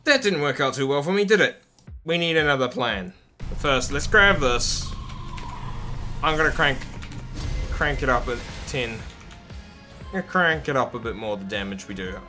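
A man giving excitable gameplay commentary as a hyped gamer bro, exclaiming in slang. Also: mid-range voice, moderate pace, long pauses. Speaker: gaming video host. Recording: music behind the voice. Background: music.

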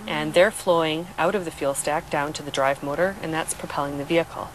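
A woman manager explaining a vehicle outdoors on a city street in a brisk, explanatory way, on a lapel mic. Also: low-pitched, fairly even intonation, a little hiss or hum, rough recording. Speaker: automaker manager. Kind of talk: explaining a product on camera.

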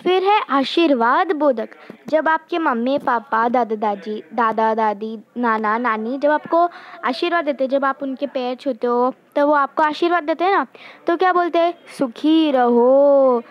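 A young woman explaining grammar in a lesson, slowly and clearly, sometimes acting out example phrases. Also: high voice, dull audio. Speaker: teacher.

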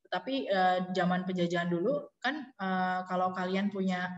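A woman lecturer giving a classroom lecture, mixing in English phrases and pausing on fillers as she explains. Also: on the low side, highs cut off. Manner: explains in Indonesian mixed with English, many fillers. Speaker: university lecturer. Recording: echoey classroom with long reverb.

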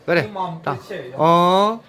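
A man's voice: sits high, drawn-out words, pushed and bright. A man instructing and cheering people on during a video game, with short repeated calls and a lot of laughter. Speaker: activity instructor.

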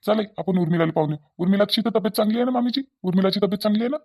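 A man's voice: high voice, very fast, mellow, husky, no room sound. Man voicing a placating Varhadi village husband. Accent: Varhadi Marathi. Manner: pleading, placating. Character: young village husband, peacemaking son-in-law.

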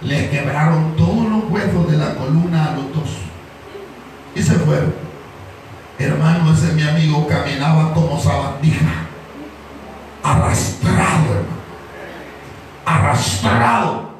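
A pastor preaching through a lively story, acting out voices and breaking into shouts. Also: male voice, a little high, a little slow, pauses often. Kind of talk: storytelling sermon. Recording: echoey hall, distant mic, faint noise.

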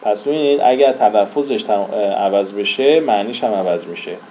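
Man teaching, low mellow voice, patient drawl, faint room hum. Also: rough recording. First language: Persian. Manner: explains slowly, repeats and drawls example words. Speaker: language teacher. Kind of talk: casual spoken lesson.

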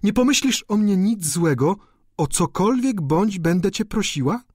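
A man voicing a distraught young baroness, high and pleading. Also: animated, a little slow, breathy edge, dry recording, clean studio sound, exaggerated voice. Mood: anxious. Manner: pleading, urgent, tremulous. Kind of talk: audiobook character reading.

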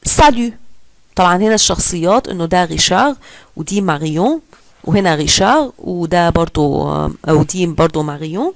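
A woman's voice: on the low side, animated, gravelly, no room sound. Egyptian woman teaching French. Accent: Egyptian Arabic. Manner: reads French lines slowly, then translates in casual talk. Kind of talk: explaining a textbook lesson.

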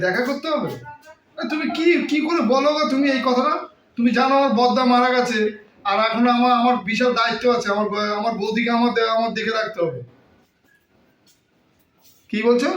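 A young man acting as an urgent younger brother who keeps reassuring and calming his family. He speaks quickly in a fairly high voice. The sound is distant, roomy and has a faint hiss. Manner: urgent, soothing, repetitive. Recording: echoey room, far from mic, faint noise.

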